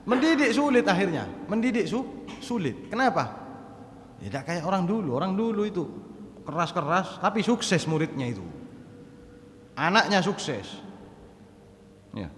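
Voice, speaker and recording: A man delivers a sermon, his voice sitting a little high. He jumps from loud, stressed phrases down to quiet murmurs. The sound carries a roomy echo with a long hall tail. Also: moderate pace, pauses often, slight background noise. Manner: animated, swings from loud emphatic calls to low murmurs. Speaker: preacher. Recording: echoey hall with long reverb.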